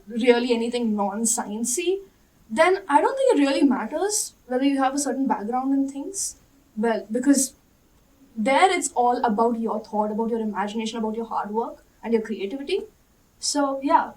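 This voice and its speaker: Young woman panelist, fairly high voice, decisive, slightly off-mic. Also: animated, normal speed, darkish tone, far from the mic, rough recording. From India. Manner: breezy, decisive. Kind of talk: student panel discussion. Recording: voice a bit off-mic.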